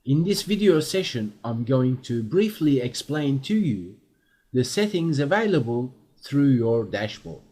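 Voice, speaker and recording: Guiding viewers through a screen-recorded software tutorial, this male instructor has a husky, mid-range voice and a very animated delivery. His explanations come with fillers and frequent quick comprehension checks.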